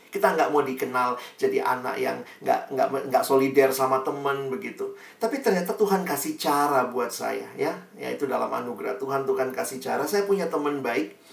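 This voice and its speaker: A man giving a sermon testimony, telling his story in a lively way and acting out the lines of his friends. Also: medium pitch, brisk, creaky. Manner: storytelling, acts out quoted friends. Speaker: pastor. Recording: echoey room, distant mic.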